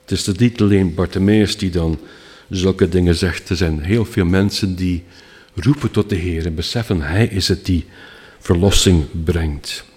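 A man preaching a sermon in an earnest, emphatic way. His voice sits low and sounds husky. He often slows down and drops almost to a hush. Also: long reverb tail.

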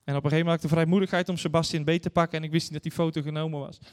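A guest preacher in his thirties or forties delivers an earnest sermon in a church hall, reading scripture and telling stories straight to the congregation. His voice is a little high, level and darkish, and he races along. Long church reverb fills the recording.

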